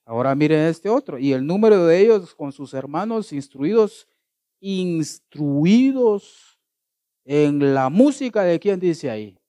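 A man preaching a sermon, animated, often asking the congregation rhetorical questions. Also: a little high, normal speed, few pauses, dry recording. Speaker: pastor.

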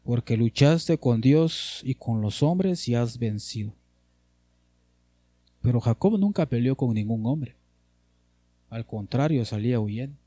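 A man preaching with fervent, pleading repetition, his lines often sinking to a hush at the close. His voice is dark and mellow. The sound is dry and close. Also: mid-range voice, lively intonation, takes it slowly, long pauses, no room sound. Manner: fervent, repetitive pleading, drops soft at ends. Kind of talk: sermon.

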